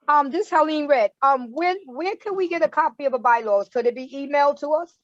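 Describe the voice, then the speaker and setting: A woman's voice: high voice, brisk, no room sound, highs cut off. A woman community board member on a bad phone connection, speaking insistently and repeating herself in a virtual meeting.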